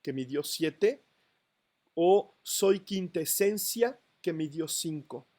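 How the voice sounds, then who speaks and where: Speaking slowly with a warm, high voice and lively intonation, a literature teacher gives a university lecture on poetry. He counts syllables aloud and checks that the students follow along.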